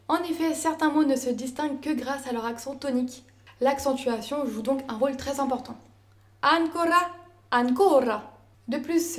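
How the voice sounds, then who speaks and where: A young woman whose first language is French walks through a language lesson, her voice sitting high. She explains each point clearly and carefully from a script, pausing to say example words aloud. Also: a little mellow. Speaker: language learner teaching Italian.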